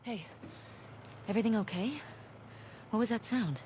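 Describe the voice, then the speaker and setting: A woman's voice: mid-range voice, normal speed, darkish tone, natural voice. A woman playing a wary young survivor in a video game, in a naturalistic style. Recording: noisy game audio, distant, vehicle-like ambience.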